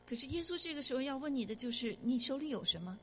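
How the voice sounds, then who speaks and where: A woman's voice: high voice, lively intonation, fast talker, fairly bright tone, breathy edge, soft background music. A woman interpreting a sermon line by line, speaking fluently with occasional restarts.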